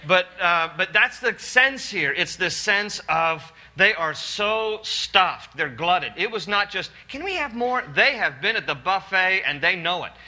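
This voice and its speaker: A man preaching a sermon, animated and acting out the people in the story with put-on voices. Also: high voice, measured pace, hardly any pauses. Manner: animated, acts out quoted characters in put-on voices. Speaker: pastor.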